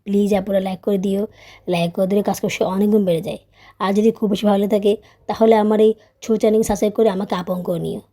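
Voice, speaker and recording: Fast, mellow-voiced woman vlogger. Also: mid-range voice, flat delivery. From Bangladesh. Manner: chatty, storytelling, often adds tag questions; raised, scolding teacher voice when tutoring her child. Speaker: vlogger, mother. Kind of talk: casual voice-over narration.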